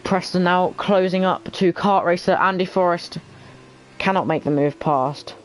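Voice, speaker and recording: A man giving casual lead commentary on an online racing league, sometimes halting as he thinks aloud between calls. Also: high-pitched, poor audio. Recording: faint background noise.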